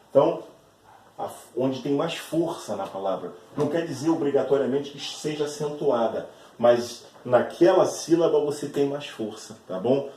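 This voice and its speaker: A man's voice: mid-range voice, dark tone, distant mic. Man teaching grammar in an echoey room. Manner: patient, checks in often with tag questions. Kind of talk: recorded online grammar lesson.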